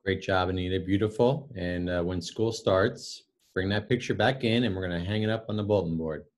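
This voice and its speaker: A man, a school principal, giving school video announcements in a steady, encouraging way with frequent "uh" fillers. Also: low voice, brisk.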